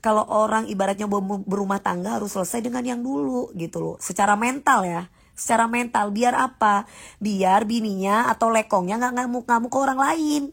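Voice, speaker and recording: A combative woman, talking straight to her livestream viewers. Her voice sits a little high, and she stays sassy and dismissive throughout. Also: fairly quick, gravelly, husky. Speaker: livestream host. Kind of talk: casual livestream rant.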